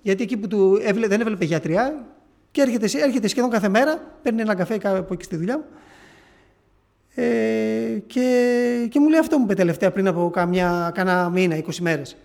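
Man, high voice, earnest sermon, halting retelling, many restarts. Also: animated, vocal fry, darkish tone. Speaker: preacher. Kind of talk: sermon testimony.

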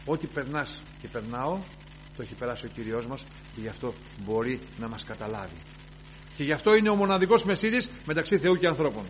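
A man preaching a fervent evangelical sermon, rising to loud exclamations of hallelujah and dropping to quiet, reflective passages. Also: mid-range voice, lively intonation, a little hiss or hum, low-quality recording.

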